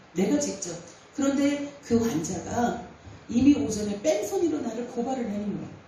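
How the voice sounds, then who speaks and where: High-voiced woman pastor preaching in an echoey hall. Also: dark tone, a little hiss or hum. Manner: emphatic preaching with rhetorical questions and sudden rises in pitch. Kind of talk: Sunday sermon. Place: church sanctuary. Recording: echoey church hall picked up from a distance.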